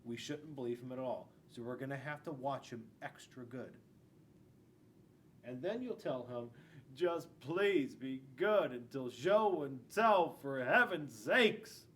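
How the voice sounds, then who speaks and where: Speaking slowly with lively intonation and a fairly bright tone, a fortyish American man who works as a school resource police officer performs a children's picture book for a class, stopping to question the children. The indoor classroom recording, made on a camera a few feet off, carries noticeable room noise and a low rumble.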